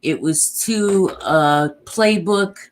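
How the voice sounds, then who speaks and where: A woman chatting casually in a discussion, with a measured, conciliatory way of talking. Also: fairly low pitch.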